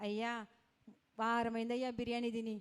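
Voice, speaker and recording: A hungry beggar woman who pleads for food and scolds when refused, played by a woman in an amateur skit. Her voice is high, quick and smooth. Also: completely flat delivery, close to an everyday voice. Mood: pleading. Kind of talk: amateur mono acting skit.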